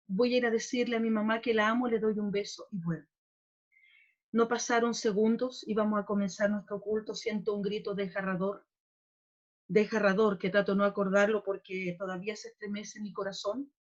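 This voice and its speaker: A woman's voice: medium pitch, a little mellow. Woman pastor giving an emotional testimony. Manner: emotional, heartfelt storytelling. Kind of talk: sermon testimony. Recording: dull lo-fi recording.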